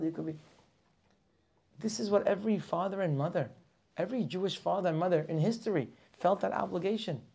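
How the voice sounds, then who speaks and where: Delivering his weekly Torah lesson with passion, a man throws out rhetorical questions and sometimes sinks almost to a whisper. His voice runs on the high side and sounds mellow.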